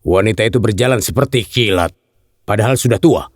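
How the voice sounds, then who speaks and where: A man's voice: on the low side, fairly quick, no echo, studio quality, lightly acted. An actor dubbing a grumbling henchman who insists on keeping watch in a TV drama. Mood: stern. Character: grumbling male henchman, dutiful. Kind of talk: dubbed TV drama.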